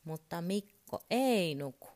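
Woman reading a bedtime story, low voice, swoops around a lot, whispers sometimes. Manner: expressive, often dropping to a whisper.

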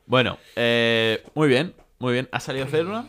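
A young man co-hosting a relaxed podcast. He talks at a middling pitch and acts out cartoon scenes, breaking into shouted lines as he tells them. The talk is loose and joking. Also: normal speed. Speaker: podcast co-host. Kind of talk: casual chat.

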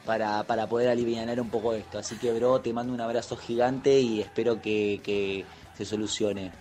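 A man's voice: on the low side, fairly even intonation, normal speed, darkish tone, close to an everyday voice. A man doing a drawling posh Argentine bro. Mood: chummy. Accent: Argentine Spanish. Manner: drawling slang-heavy chatter with English words. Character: posh young rich man sending a voice message to his friend.

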